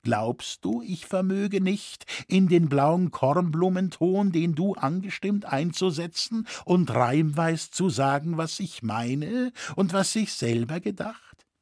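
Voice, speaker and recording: A man doing a gentle, trembling old woodcarver. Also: on the high side, lively intonation, takes it slowly, dry recording, studio quality, pitched above the performer's own voice.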